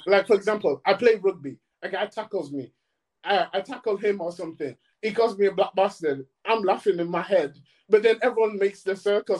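A young man, chatting casually in slangy, sweary stories. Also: sits high. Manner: slangy, animated storytelling with frequent swearing. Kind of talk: casual group chat.

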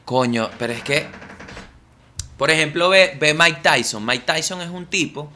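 Bright-voiced Venezuelan man joking. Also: on the high side, unhurried, a little hiss or hum. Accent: Venezuelan Spanish. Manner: crude, teasing, slangy. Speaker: podcast co-host. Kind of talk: casual joking chat.

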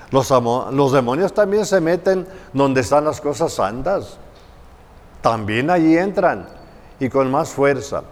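A male preacher delivers a sermon at an unhurried pace, his mid-pitched voice leaning hard on repeated phrases. Long church reverb trails after every line.

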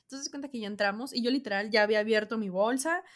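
A young woman with a Mexican accent tells a story in a casual, slangy way, her voice sitting a little high. She is animated, jumping into the voices of the people she talks about. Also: fast. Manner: animated, slangy, acts out quotes. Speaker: vlogger.

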